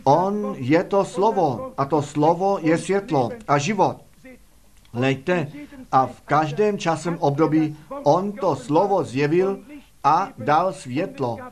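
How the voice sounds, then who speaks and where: A man preaching a sermon fervently, firing rhetorical questions at the congregation. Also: a little high.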